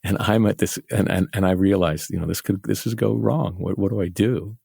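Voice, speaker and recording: Man, podcast co-host, casual storytelling, self-mocking, low-ish voice, dry sound. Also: fairly quick, creaky, breathy edge, no room sound. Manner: animated, self-mocking, laughs often, many restarts.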